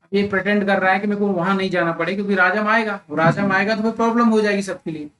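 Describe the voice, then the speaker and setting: A man's voice: sits high, fairly even intonation, a bit bright. Man explaining a chapter summary to students. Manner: reads English summary lines slowly, then explains them in Hindi; frequent tag questions to the listener. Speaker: English literature teacher for exam prep. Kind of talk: explaining a novel chapter summary, lecture-style.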